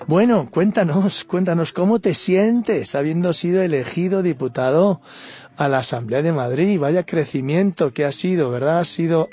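A pastor hosts a radio interview, encouraging his guest along. His voice sits fairly high for a man. Soft music plays underneath. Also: husky.

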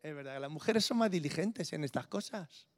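A man's voice: a little high, animated, normal speed, no room sound. A middle-aged man preaching a sermon in a conversational, storytelling way, acting out little dialogues.

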